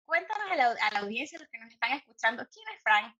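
A woman's voice: on the high side, sing-song, quick pace, bright, forceful tone. A woman hosting a podcast interview, welcoming her guest and asking questions. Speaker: podcast host.

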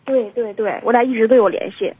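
A young woman with a Northeastern Mandarin accent talks fast over a tinny, dry phone line. Her voice is very husky and a bit high, and she rambles on with filler words and an upset tone. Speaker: caller. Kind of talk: phone-in confession. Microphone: telephone.

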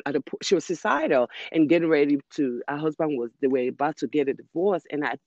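A woman speaking as a guest minister in a faith-based interview, earnest and measured in a preacherly way. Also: low voice, expressive, a little mellow, no echo. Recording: muffled lo-fi sound.

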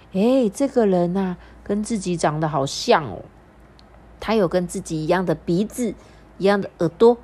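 Playful woman telling children's stories. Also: medium pitch. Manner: playful and animated, drawing out sentence-final particles. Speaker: storyteller host. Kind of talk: children's story podcast.

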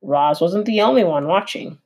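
A woman, a teacher, reading a novel aloud in a gentle, expressive way and adding her own comments. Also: on the low side, normal speed, husky, low-quality recording. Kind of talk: read-aloud storytelling.

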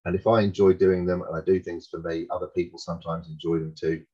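A man's voice: sits low, little pitch movement, fast talker, dark tone, slightly rough. An older man hosting a casual interview over a video call, chatty and loose, swearing freely and laughing easily. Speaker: podcast host. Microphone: condenser mic over a video call. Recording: dull lo-fi video call audio.

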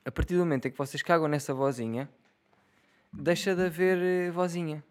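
A man's voice: on the high side, steady tone, a little fast. Joking young Portuguese man rambling. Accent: European Portuguese. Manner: joking, rambling, swears freely, laughs at own jokes. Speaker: solo podcaster. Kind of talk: casual solo monologue to viewers.

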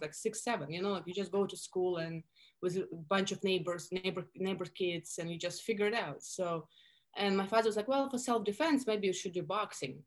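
A woman in her thirties speaks English with a Russian accent. Her voice sits at a middle pitch, and she tells her stories in an animated, chatty way full of fillers and restarts. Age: 30s. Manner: animated storytelling with many fillers. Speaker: guest. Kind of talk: casual interview chat.

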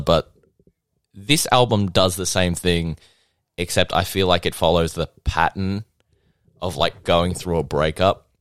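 Young male music reviewer with a deep voice; loose, chatty, self-mocking delivery full of fillers. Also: fairly bright tone, clear, resonant tone, no room sound, clean studio sound. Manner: chatty, rambling, self-deprecating, lots of ums and likes. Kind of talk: casual album review monologue.

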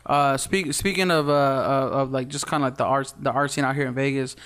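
A man's voice: mid-range voice, fairly even intonation, brisk, a bit bright, clear, resonant tone. A man hosting a casual podcast interview, asking curious questions with frequent stammered restarts. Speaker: podcast host.

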